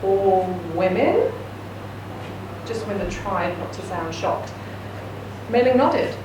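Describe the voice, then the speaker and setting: Reading a short story at a live event, a woman with a mid-range voice narrates steadily and unhurriedly. It's a noisy, echoey room recorded from a distant mic.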